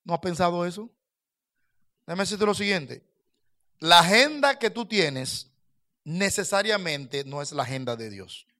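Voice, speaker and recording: A man preaching a sermon as pastor, swinging between soft low asides and loud raised exhortations to his listeners. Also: sing-song, measured pace. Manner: impassioned preaching, addresses listeners as brothers.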